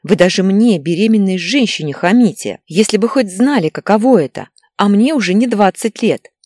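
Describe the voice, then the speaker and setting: A woman's voice: mid-range voice, expressive, moderate pace, dry recording, clean studio sound, lightly acted. A woman voicing a hysterical, tearful pregnant young wife who whines and snaps defensively. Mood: shrill, indignant. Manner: whiny and defensive, breaks into shouting.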